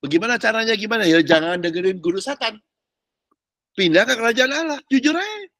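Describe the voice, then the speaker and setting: A male pastor preaching a sermon, animated and chatty, with mocking asides and casual slang. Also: sits high, fast, no room sound, clean studio sound.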